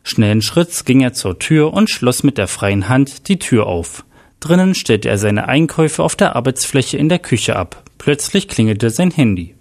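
Guy reading out a crime story, steady and plain, middle pitch. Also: moderate pace. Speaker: narrator.

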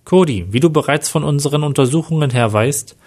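A man's voice: fairly high pitch, brisk, a little mellow, natural voice. A man reading the lines of a bitter, hot-tempered middle-aged investigator in a plain read-aloud manner. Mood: agitated.

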